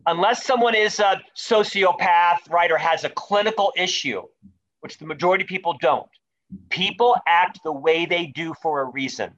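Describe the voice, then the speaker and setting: A leadership author in his fifties speaks as an interview guest, his high, fairly bright voice moving at a normal pace. His answers are animated, emphatic and carefully enunciated, piling up lists of questions and points. The audio sounds dull.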